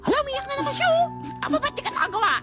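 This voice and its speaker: A woman acting in a comic classroom skit, scolding and teasing loudly. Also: very high-pitched, lively intonation, racing, over loud music. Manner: loud teasing, scolding banter. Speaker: comedy skit performer.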